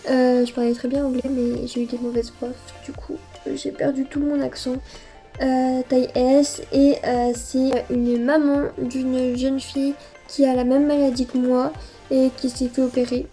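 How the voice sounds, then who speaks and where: A woman's voice: high-pitched, little pitch movement, a little slow, dark tone, faint music behind. A woman beauty YouTuber chatting casually through a haul vlog, hesitant and full of filler sounds.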